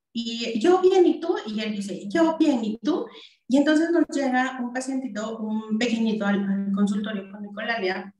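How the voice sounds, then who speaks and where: A woman's voice: medium pitch, a little mellow, reverberant, poor audio. A woman with a Mexican Spanish accent giving a video conference talk as a language specialist, chatty, with many fillers and restarts. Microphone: video call.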